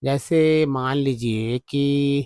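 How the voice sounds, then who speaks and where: A man teaching English spelling and pronunciation, slowly sounding out each letter and repeating words many times. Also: medium pitch, a little mellow, clear, resonant tone, dry recording.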